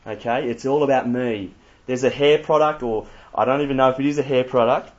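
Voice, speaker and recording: A young Australian youth speaker with a mid-range voice gives a fairly quick, interactive church talk. He quizzes the audience and tosses in playful asides, captured on a slightly muffled lo-fi recording.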